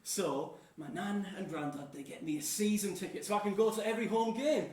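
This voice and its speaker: A young man, performing an animated one-man theatre monologue with dramatic pauses. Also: high voice, recorded from a distance. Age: 20s. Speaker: solo stage performer. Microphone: distant room mic. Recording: echoey room, voice from afar.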